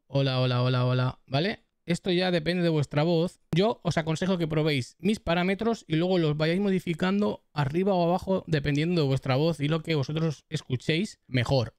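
Young-sounding male streamer, slightly high voice, dry close mic, casual how-to patter. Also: a little mellow, no echo. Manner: chatty, addresses viewers as "chavales" and "familia"; repeats test phrases into the mic. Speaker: tech YouTuber giving mic setup tips. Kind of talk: casual tutorial. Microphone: close studio dynamic microphone.

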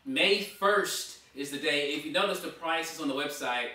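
A lively man in his thirties, a blogger and author, chats casually to camera from a dining room, gesturing with both hands. His voice is bright, forward and slightly high, at an ordinary pace, and because the mic is placed far away it picks up a strong, bouncing room echo.

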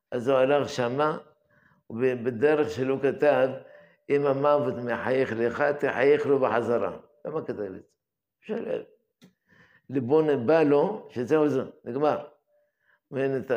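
Gravelly older rabbi telling stories. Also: male voice, medium pitch, a little mellow, muffled recording. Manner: unhurried, reminiscing, with restarts. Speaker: yeshiva head giving a daily lesson. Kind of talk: daily religious lesson, telling anecdotes.

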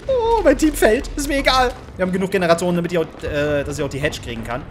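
A young man commentating his own gameplay, excitable, with panicked yelps and English words mixed into his speech. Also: high voice, fast, background noise. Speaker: gamer. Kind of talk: let's play commentary. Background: game music.

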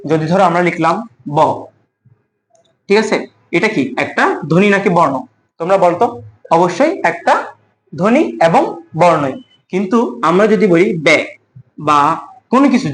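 A young man teaching a lecture, asking questions and answering them himself. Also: high-pitched. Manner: repeats key words slowly for emphasis. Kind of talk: classroom lecture.

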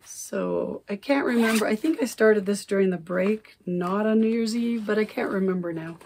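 A middle-aged cross-stitch vlogger chats with her desk-distance camera in her home craft room, rambling and often circling back to correct herself. Her mid-range, darkish voice has a gravelly fry and is still recovering after she lost it, and she talks at normal speed. A faint hiss or hum is present.

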